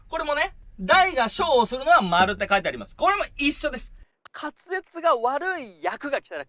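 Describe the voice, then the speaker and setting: With a high-pitched voice and no room sound, a man gives a chatty lesson as an acting coach. He talks casually and lively, acting out little examples as he goes.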